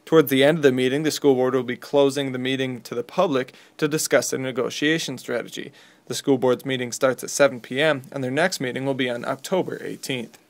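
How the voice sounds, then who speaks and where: Local radio newsreader: American male, middle-pitched voice, scripted bulletin delivery. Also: fairly even intonation, fairly quick. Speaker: local radio news reader. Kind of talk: scripted local news reading.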